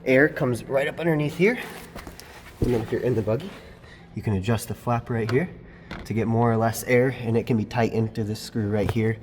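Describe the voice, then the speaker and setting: A man's voice: medium pitch, fairly quick, a little mellow, slight background noise. A man giving an upbeat, slangy product review and install walkthrough in a garage. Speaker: vlogger.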